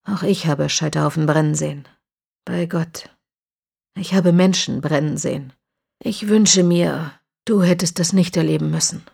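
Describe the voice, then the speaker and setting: A woman voicing a grave former priest and stern teacher in an audiobook, speaking slowly and solemnly. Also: low voice, gravelly, a little mellow, breathy edge, heavily acted. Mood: hushed. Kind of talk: audiobook character reading.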